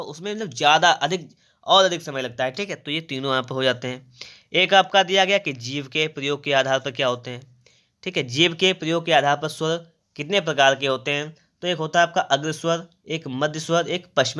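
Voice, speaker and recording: Guy teaching grammar for exams, bright crisp voice, keeps asking and answering his own questions. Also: on the high side. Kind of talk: exam-prep grammar lesson.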